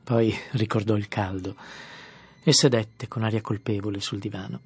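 A man narrating a literary audiobook in a measured, soft-spoken way, with faint music behind. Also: lowish voice, fairly even intonation, breathy edge.

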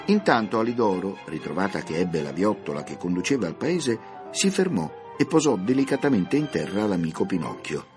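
Expressive low-voiced male storyteller over music. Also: brisk, few pauses. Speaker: narrator. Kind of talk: storybook narration for radio.

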